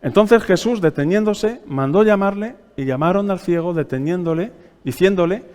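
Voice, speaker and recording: Spanish male preacher, somewhat high voice, teaching through questions, long church-hall reverb. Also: normal speed, darkish tone. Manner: teaching by asking the congregation questions; reads scripture aloud, raising his voice for quoted pleas. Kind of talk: sermon.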